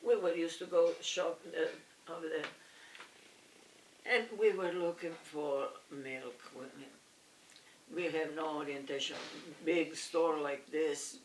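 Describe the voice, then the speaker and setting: An older woman from Italy with an Italian accent, telling family stories in casual chat, animated and halting, laughing often. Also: low-pitched. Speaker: family storyteller. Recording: roomy, distant, faint noise.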